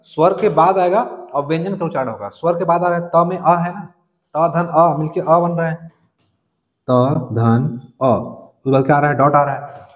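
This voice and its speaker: A male teacher giving a classroom lecture, explaining step by step, asking the class questions and answering them himself. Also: a little high. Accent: Chhattisgarh Hindi. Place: coaching classroom. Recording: long reverb.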